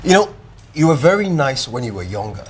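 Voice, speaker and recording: An actor playing an entitled, hot-tempered young heir who talks with smug sarcasm. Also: male voice, mid-range voice, sing-song, brisk, slight background noise, natural voice. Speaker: boss's son at a company.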